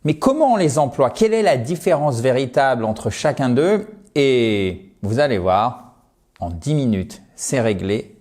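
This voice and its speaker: A man's voice: medium pitch, darkish tone. A middle-aged French-speaking man teaching English in a video lesson at home, patiently modelling each word with exaggerated care.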